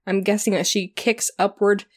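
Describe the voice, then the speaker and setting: A woman's voice: mid-range voice, flat delivery, moderate pace. A woman co-hosting a casual discussion, chatty and giggly, often breaking off mid-thought and laughing. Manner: chatty, giggly, self-interrupting. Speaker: podcast co-host. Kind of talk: casual discussion and reading aloud.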